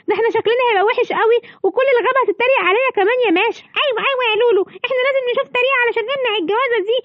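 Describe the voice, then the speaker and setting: A woman's voice: very high voice, dry recording, dull audio. A woman with an Egyptian accent voicing fretful little girls in a children's toy story. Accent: Egyptian Arabic. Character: embarrassed little girls worried about gossip. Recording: music playing behind.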